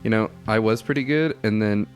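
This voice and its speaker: A man's voice: on the low side, a little fast, soft background music. A man hosting a casual podcast, sounding nasal and congested from a head cold that blocks his nose. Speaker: podcast host.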